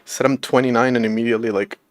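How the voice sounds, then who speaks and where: A man in his late twenties livestreams himself coding an operating system from a room at home, chatting casually in a rambling, self-deprecating way with frequent laughs. He speaks very fast with a steady, medium-pitched tone, and there's a little hiss or hum.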